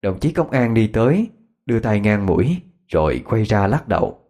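A man narrating a ghost story in a dramatic, expressive reading. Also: fairly low pitch, moderate pace.

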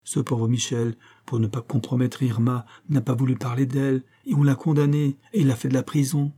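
A man's voice: medium pitch, flat delivery, brisk, warm tone, breathy edge, natural voice. A man voicing a small, sweet-voiced young woman who speaks earnestly and with emphasis in an audiobook. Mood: pleading insistent.

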